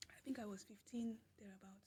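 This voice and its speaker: Her voice sits at medium pitch, steady and warm with a breathy edge, and she talks briskly. She's a podcast guest with a Nigerian accent, telling a personal story in a casual interview with emphatic repetition and bursts of laughter.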